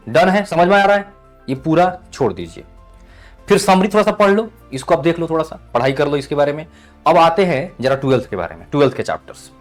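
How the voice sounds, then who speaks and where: High-voiced and preparing students for exams, this male chemistry teacher addresses them as "beta" and asks "thik hai?" once he finishes each point.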